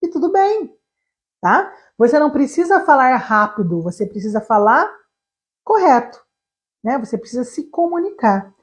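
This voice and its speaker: A Brazilian woman teaching English online, fast, animated and emphatic, speaking straight to her viewers. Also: high voice. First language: Portuguese.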